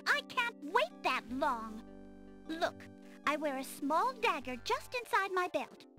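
A woman voicing an imperious, impatient young winged noblewoman in a fantasy adventure game, indignant and crisp. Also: extremely high pitch, very animated, slow pace, sharp tone, soft background music, full character voice. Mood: haughty, impatient.

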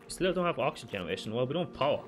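A man's voice: big pitch swings, rapid-fire, soft background music. Frantic swearing gamer man. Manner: frantic, swearing, talks to himself and viewers; pitch jumps up sharply when panicking. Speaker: gaming channel host. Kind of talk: let's play commentary.

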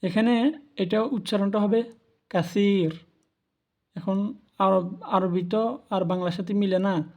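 A man talks through a language lesson at an unhurried, careful pace, repeating each word so learners can follow. His voice sits high for a man yet sounds mellow and soft-edged, and he keeps the tone patient and instructive throughout. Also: fairly even intonation. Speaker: language teacher. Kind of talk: spoken lesson on Arabic pronunciation.

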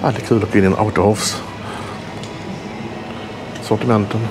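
Holding an action camera out at arm's length, a middle-aged man vlogs his road trip while walking outside and through a roadside rest stop. He speaks over music in a lowish voice with a steady tone, giving a casual, chatty narration with a tour guide's enthusiasm.

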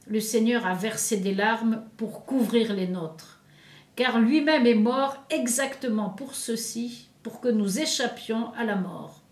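A woman, a nun, giving a measured spiritual commentary on scripture, with emphatic rises and quiet asides. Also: fairly high pitch. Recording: echoey, from a distant mic.

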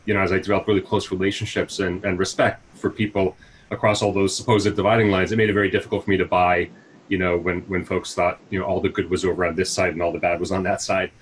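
A fast-talking American man in his forties, CEO of a nonprofit, responds to an interviewer over a video call with wired earbuds. His low voice stays flat in pitch, and his musing answers are riddled with fillers and restarts. He's indoors in a small home room, and the poor audio has faint hiss or hum.

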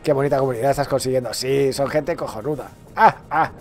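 A Spanish man with a Valencian accent giving casual, joking commentary as he plays a game, shouting and yelping when things go wrong. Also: mid-range voice, fast, soft background music. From Spain. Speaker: gaming streamer.

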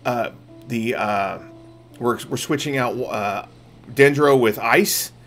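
A middle-aged man streams a game as its host, offering casual live commentary and explaining things to viewers over game music. He takes his time, speaking in a mid-range, fairly bright voice.

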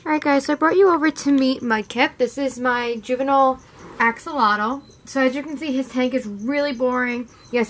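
A young woman giving a relaxed, chatty DIY tutorial with lots of filler words, sitting on her living-room floor and recorded by a camera a few feet away. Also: on the high side, a little hiss or hum, low-quality recording. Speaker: pet care vlogger.

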